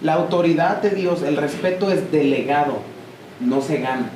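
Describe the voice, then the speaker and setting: A man giving an emphatic, animated church talk, speaking straight to his listeners. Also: on the high side, normal speed. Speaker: preacher. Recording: echoey church room with noise.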